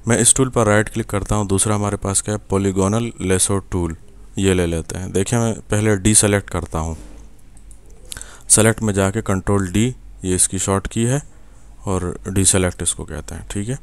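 A young Pakistani man with an Urdu accent and a very low, smooth, resonant voice walks the viewer through a software tutorial at his desk. He speaks patiently, step by step, pausing on fillers and checking in with the viewer as he works. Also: fairly even intonation. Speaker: software instructor. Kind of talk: screen-recorded tutorial.

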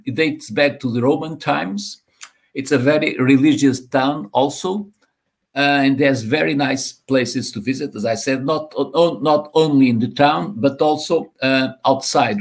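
A Portuguese man in his sixties, with a Portuguese accent and mid-range voice, gives an online university lecture as a guest professor, presenting slides over a video call. He speaks haltingly, with many repeated words and fillers, through a laptop or webcam mic from a home or office room.

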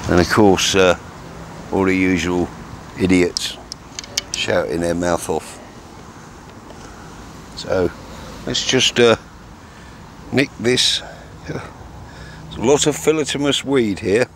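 An older man chats to camera while fishing from a grassy riverbank, his voice sitting fairly low. He talks in a loose, rambling way, full of fillers and restarts. A faint outdoor hum sits behind him, picked up by a camera a few metres away. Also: takes it slowly, long pauses. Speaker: fishing vlogger. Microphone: camera mic from a few metres away, speaker often turned aside.

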